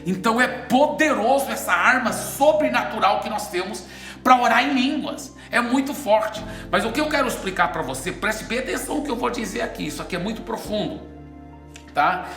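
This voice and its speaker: Animated preacher, echoey room. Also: male voice, extremely high pitch, brisk. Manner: animated, keeps checking in with listeners. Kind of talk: sermon teaching with an object lesson. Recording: echoey room with soft music.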